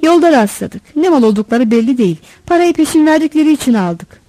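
A woman's voice: high-pitched, lively intonation, fast talker, mellow, no echo, pitched above the performer's own voice, low-quality recording. A woman voicing a cheeky, smarmy male truck driver's helper who talks in a carefree, teasing way, in a storybook reading. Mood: chatty.

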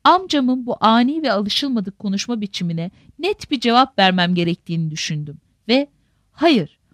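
A woman narrating a novel in a measured, literary manner. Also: mid-range voice, expressive, dry recording. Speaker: audiobook narrator.

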